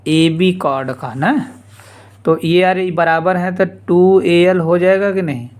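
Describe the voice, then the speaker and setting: At a measured pace and with a high, steady voice, this male math teacher walks through a blackboard geometry proof one step at a time. He goes over each step again in a relaxed way and addresses the class as "yaar."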